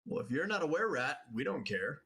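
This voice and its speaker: Slightly high-voiced male tabletop gamer. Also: very animated, brisk, vocal fry, pushed and bright, slightly rough. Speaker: tabletop game player. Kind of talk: casual in-game negotiation.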